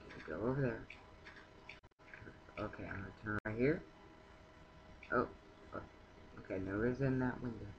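A young man in his teens giving excitable, rambling commentary over a video game, talking to himself. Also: normal speed, long pauses. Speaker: gameplay video maker. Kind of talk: casual gameplay commentary. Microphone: cheap computer mic. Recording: muffled low-quality computer mic, faint background hum.

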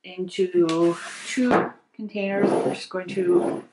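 Mixing at her kitchen table while an overhead camera records, a middle-aged woman chats her way through a soap-making how-to, thinking aloud. She speaks slowly in a fairly low voice that swings between soft and bright. The recording is very noisy.

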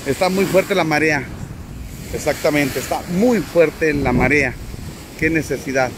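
A man's voice: on the high side, measured pace, noisy background. Joking man streaming outdoors by the sea. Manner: joking, chatty, greets viewers by name. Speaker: vlogger. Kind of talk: casual live stream from the seafront. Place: outdoors on a high spot by the sea.

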